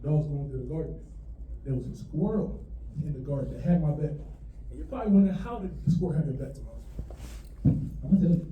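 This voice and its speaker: A young man tells a stand-up story with a lively, fairly high voice and acts out every character in it. He is picked up from a distance in a roomy, echoing venue. The sound is muffled and dull, and audience laughter rises behind him. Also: quick pace, long pauses, slight background noise. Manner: animated, acts out voices of grandma and dogs. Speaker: stand-up comedian. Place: comedy venue on stage.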